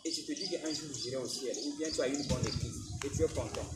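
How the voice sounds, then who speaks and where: A man's voice: medium pitch, a little fast, recorded from a distance, very noisy. A man preaching a sermon who keeps asking his listeners whether they follow him. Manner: animated, questioning the congregation.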